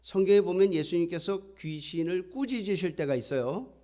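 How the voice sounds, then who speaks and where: A man's voice: high voice, animated, normal speed, mellow. A middle-aged man preaching a sermon in a conversational style, sometimes acting out quoted voices. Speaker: pastor.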